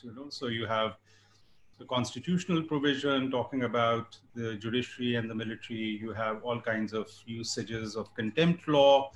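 A man's voice: medium pitch, fairly bright tone. A man speaking formally and in a considered way as an expert panelist in a webinar. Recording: roomy, echoey webinar audio.

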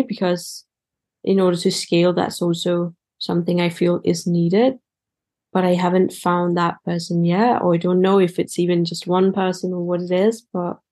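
Woman guest on a talk podcast: casual, searching for words, slow delivery. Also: fairly low pitch, a little mellow. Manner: hesitant, with many "like" fillers. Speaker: guest, a coach and public speaker. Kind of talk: casual conversation.

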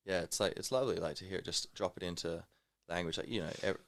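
Man, very deep pitch, dry close sound, casual rambling chat, thoughtful. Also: fast, gravelly, no room sound. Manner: rambling, thoughtful, peppered with like and you know. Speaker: podcast co-host. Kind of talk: casual conversation.

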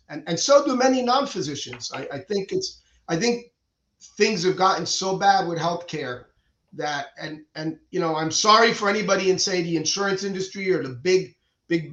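In an echoey room captured with dull, lo-fi sound, a middle-aged Cuban man who works as a surgeon is interviewed conversationally. His voice is high with a fairly bright tone, moving at a moderate pace, as he earnestly explains his views and restarts sentences often.

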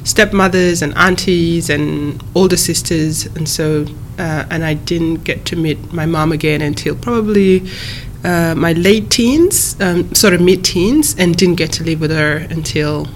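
Thoughtful woman speaking with careful pauses. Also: lowish voice, a little hiss or hum. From East Africa. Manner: measured and careful, with frequent pauses and restarts. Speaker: guest, human rights advocate. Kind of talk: thoughtful interview answers.

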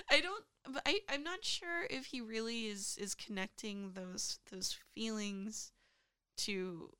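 Woman, casual co-host, hesitant, thoughtful, bright tone, dry close sound. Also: a little high, slow, smooth, dry recording. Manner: hesitant, filler-heavy, thoughtful. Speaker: podcast co-host. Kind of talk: casual fan discussion.

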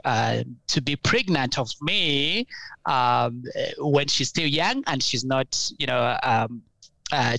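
Earnest Ugandan man, smooth and dry. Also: mid-range voice, a bit bright, no room sound, low-quality recording. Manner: earnest, halting, many fillers and restarts. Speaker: guest. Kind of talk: personal storytelling in an interview.

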